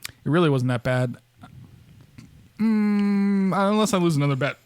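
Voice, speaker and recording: A man's voice: high-pitched, animated, measured pace, darkish tone, clean tone, dry recording. A man co-hosting a podcast, joking in casual chat and often restarting his sentences. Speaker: podcast co-host.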